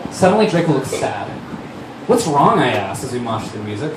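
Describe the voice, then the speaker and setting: With a medium pitch and lively intonation, a man reads fan fiction quickly in a theatrical, overdramatic comic style. He is a writer-director and actor performing on stage at a live fundraiser. The noisy recording sounds distant and echoey.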